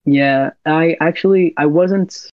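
A young man, a university student, chatting as an interview guest, soft-spoken and quick to laugh as he acts out little scenes. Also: on the high side, no echo, muffled recording. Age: young adult. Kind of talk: casual interview chat.

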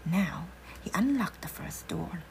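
A woman narrating a fairy tale in a hushed, unhurried whispered role-play. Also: on the low side, animated, vocal fry, slight background noise, poor audio. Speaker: storyteller.

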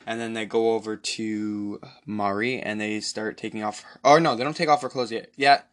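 A man hosting a solo podcast, retelling a movie's plot in a rambling, profane way full of fillers and throat clearing. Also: fairly low pitch, steady tone, moderate pace. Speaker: podcast host.

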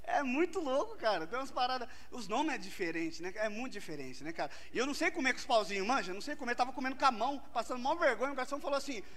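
A man doing a stand-up comedy routine on stage, telling a story loudly to a laughing audience. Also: very high voice, animated, very fast, hardly any pauses. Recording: live stage recording with loud crowd noise.

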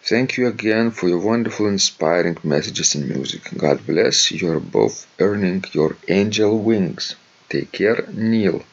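Reading out a letter from a listener, a man from Lithuania co-hosts a podcast in relaxed, halting talk full of fillers, with a Lithuanian accent. He sounds low and animated at a measured pace, and the high frequencies are cut off.

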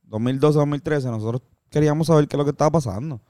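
Laid-back man, clear voice. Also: fairly high pitch, quick pace, dark tone, dry recording. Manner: easygoing, swearing, laughs while telling. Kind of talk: casual chat.

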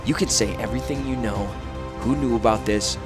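Grieving icy inventor guy, read by a male narrator, clipped cold questions, pitch up some. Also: big pitch swings, a little slow, loud music behind the voice. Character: grieving embittered male artificer, grown man. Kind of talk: audiobook character voice.

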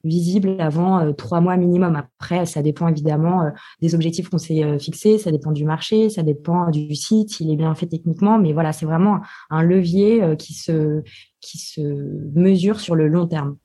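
A woman's voice: low voice, moderate pace, warm tone, breathy edge. A woman guest on a podcast interview, explaining her work with many hesitations. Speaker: podcast guest, digital marketer.

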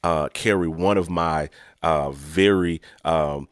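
Middle-aged guy hosting a podcast chat, real deep voice, dry close sound, earnest and rambly. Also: slow, no room sound. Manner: earnest, reflective, talkative with many restarts. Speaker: podcast host. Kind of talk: casual chat.

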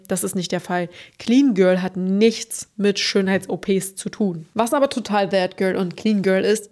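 A young woman talks straight to her viewers in a loose, chatty beauty-vlog style. She stays animated and keeps turning questions back to the listener. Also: mid-range voice. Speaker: beauty vlogger. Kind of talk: casual chat to camera.

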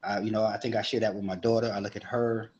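A man from New York talks on a podcast with a fairly low voice. He is earnest and reflective, and he builds his points by repeating them. His tone is casual and conversational. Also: level tone, quick pace, darkish tone, lo-fi sound. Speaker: podcast co-host.

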